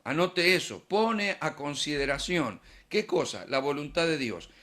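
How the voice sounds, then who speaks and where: A man's voice: on the high side, expressive, measured pace, pushed and bright. A middle-aged man with an Argentine Spanish accent preaching a sermon in a conversational way, asking questions and answering them himself.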